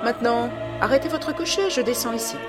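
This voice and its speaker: A woman's voice: a little high, fairly quick, over loud music, pitched above the performer's own voice, natural voice. A woman reading aloud, voicing a sinister, corpse-like male blackmailer who taunts with mocking familiarity. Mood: menacing. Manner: sneering, overly familiar, taunting.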